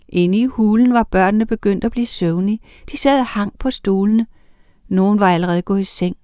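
A woman narrating a children's storybook in a lively, expressive reading voice. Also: medium pitch, no room sound.

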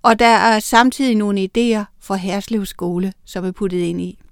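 A woman storyteller reads a children's tale aloud with lively expression. Her voice is smooth and clear at a middle pitch. The sound is close and dry. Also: no room sound.

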